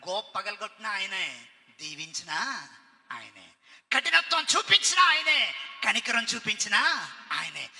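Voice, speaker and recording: A man's voice: extremely high pitch, bright, forceful tone, long reverb tail, heavily acted. A man doing a stammering young captive. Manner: stammering, apologetic.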